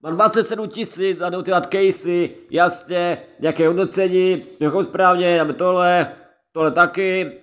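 High-voiced chatty gaming man. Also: fairly even intonation, a bit bright. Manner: chatty, repetitive, keeps addressing viewers. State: has a head cold. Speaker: gaming let's-play creator. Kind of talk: casual gameplay commentary.

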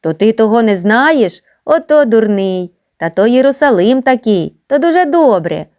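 Pitching above her own natural voice into a high register, a woman performs the taunting, mocking schoolboys of a storybook who tease and boss a newcomer. Her bossy shouts swing widely in pitch at a moderate pace.

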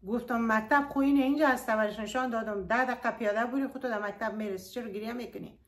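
A woman's voice: on the high side, steady tone. A woman with an Afghan Dari accent, telling a story to her online viewers and pleading with them to look after themselves. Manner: pleading, addresses listeners fondly. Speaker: YouTube storyteller giving advice. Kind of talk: earnest advice monologue to viewers.

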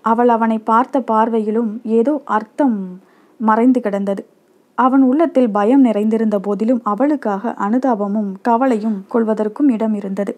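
A woman narrating a short story in a steady, expressive storytelling manner. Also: on the high side, normal speed.

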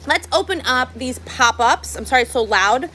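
A woman's voice: high-pitched, lively intonation, normal speed, sharp tone, husky, rough recording. A woman, chatty and girlish, gushing casually as she hosts a toy and candy unboxing vlog. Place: indoors at home, by a tabletop.

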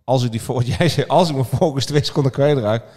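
A man hosting a podcast interview, asking questions in a rambling, halting way with many fillers. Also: medium pitch, warm tone, in a large hall. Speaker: podcast host. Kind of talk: casual interview talk.

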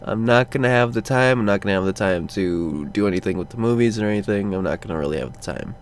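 Sleepy male vlogger, rambling and drowsy, lower voice, faint background noise. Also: fast talker. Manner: drowsy and rambling, lots of ums and sighs. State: sleepy, just woke up. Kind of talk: casual update vlog. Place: cold room at home, under a blanket.

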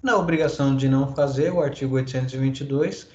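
A law professor with a Brazilian Portuguese accent gives an online lecture, reading legal articles aloud and explaining them with lots of fillers and tag questions. His medium-pitched voice is a little mellow and moves at a quick pace. The call audio is echoey, dull, and lo-fi.

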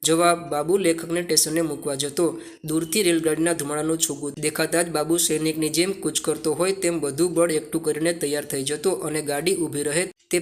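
A man with a Gujarati accent reads textbook questions and their answers aloud, in a steady question-and-answer manner, as a teacher. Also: a little high.

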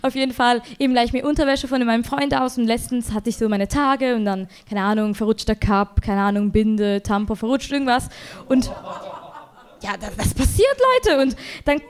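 A woman's voice: a little mellow, smooth. Young woman doing stand-up. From Switzerland. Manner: rambling, self-deprecating, quick jumps in pitch when exasperated. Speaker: stand-up comedian. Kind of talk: stand-up comedy set. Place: comedy club stage.

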